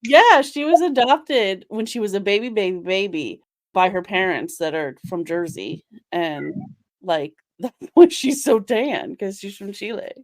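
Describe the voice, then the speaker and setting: A woman's voice: mid-range voice, animated, unhurried, no echo, studio quality. A woman of Puerto Rican heritage hosting a casual chat, playful and sassy, with lots of "like". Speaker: podcast host.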